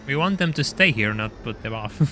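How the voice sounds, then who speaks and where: A young man from Argentina, fairly high-pitched with a sharp tone, is streaming a racing game, and the recording carries slight hiss or hum. He keeps up casual chat and gameplay commentary, laughing often and stammering on repeated words.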